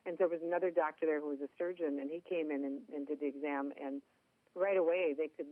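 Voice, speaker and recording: A woman's voice: low-pitched, steady tone, fast talker, no echo. A middle-aged woman from Minnesota with a Minnesota accent, telling her story as a chatty guest with self-deprecating humor. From Minnesota, USA. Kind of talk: phone interview storytelling. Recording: tinny phone line, dry.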